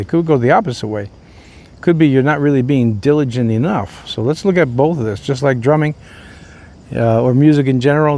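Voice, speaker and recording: A man's voice: mid-range voice, dark tone. An older man, a pastor, giving an informal devotional talk, rambling and folksy with many fillers and restarts.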